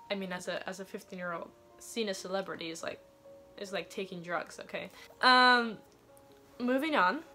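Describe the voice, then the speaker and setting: Young woman around 20, bright voice, reading her own old writing out loud all embarrassed and self-mocking, faint music behind. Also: medium pitch. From Thailand. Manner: animated, theatrical asides. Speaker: vlogger reading her teenage diary. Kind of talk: casual chat mixed with reading aloud from a diary.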